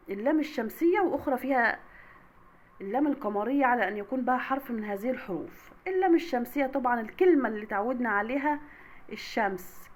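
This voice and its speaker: A woman with an Egyptian accent teaching children an Arabic grammar review, sounding words out slowly and patiently. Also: on the high side. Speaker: primary school Arabic teacher.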